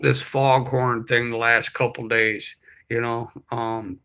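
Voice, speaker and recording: A man talking to camera at home, halting, with many fillers and restarts. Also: mid-range voice, little pitch movement, bright, forceful tone, clear, resonant tone, rough recording. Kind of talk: casual monologue to camera. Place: indoors at home, beside a window.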